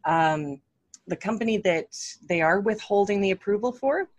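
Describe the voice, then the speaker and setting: A woman's voice: medium pitch, lively intonation, highs cut off. A woman co-hosting a podcast, chatting casually about politics with many fillers. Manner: chatty with many fillers, quick to agree and laugh. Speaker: podcast co-host.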